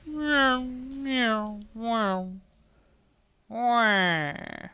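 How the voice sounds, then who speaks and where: A man with an extremely high-pitched voice speaks very slowly over his video game playthrough, giving casual let's-play commentary. He's goofy and playful, humming and making silly noises, and the background is noisy.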